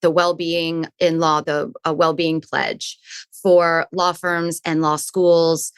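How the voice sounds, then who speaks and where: A resilience coach answers interview questions conversationally, explaining her points thoughtfully and frequently restarting phrases. Her deep voice is clear and resonant, delivered slowly and flatly on a dry recording.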